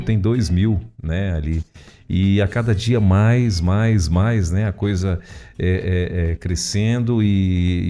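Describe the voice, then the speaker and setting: A man interviewing a missionary, retelling scripture in an animated, preachy way. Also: low voice. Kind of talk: interview talk.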